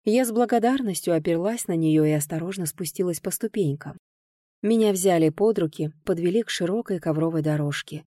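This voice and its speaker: Dark-voiced woman narrating an audiobook. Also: fairly low pitch, a little fast, dry recording, clean studio sound. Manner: lively, expressive storytelling. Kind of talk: first-person scripted audiobook narration.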